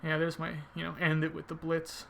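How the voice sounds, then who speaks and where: A man's voice: fairly high pitch, monotone, a little fast, creaky, fairly bright tone, a little hiss or hum. A man giving casual video game commentary, thinking aloud informally as he explains his technique.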